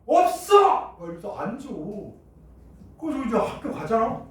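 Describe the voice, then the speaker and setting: A middle-aged chemistry teacher from Jeju Island talks to his class in a high voice that swings widely in pitch. He spins a childhood story with animated acted-out voices before returning to the lesson. He is recorded from a distance in a strongly echoing room. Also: a little fast. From Jeju Island, Korea. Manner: animated, acts out shouting voices in his stories. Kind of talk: classroom lecture with personal storytelling. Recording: echoey room, mic far off.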